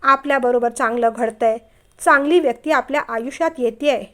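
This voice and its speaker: A woman narrating a family novel aloud, expressive and emotional. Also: sits high, brisk. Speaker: story narrator. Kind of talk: scripted story reading.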